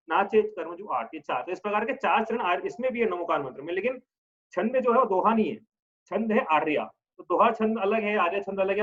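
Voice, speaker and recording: A man's voice: high voice, fairly bright tone, dull audio. A man giving a patient religious lesson, explaining step by step and often checking in with his listeners. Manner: chants verses slowly in a drawn-out tune. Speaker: religious teacher.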